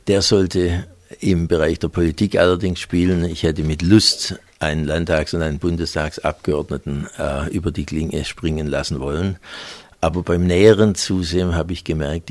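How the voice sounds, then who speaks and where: Older male author, very deep and gravelly, halting with fillers when speaking freely. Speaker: author reading from his novel. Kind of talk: reading aloud and interview talk.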